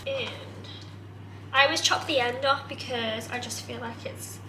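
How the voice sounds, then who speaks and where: A woman's voice: fairly high pitch, fairly even intonation, a little slow. A young woman chatting casually while she cooks, self-deprecating and swearing offhandedly, filmed on a camera set on a kitchen counter. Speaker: vlogger. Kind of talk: casual vlog chat while cooking. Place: home kitchen. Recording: echoey kitchen with loud background noise.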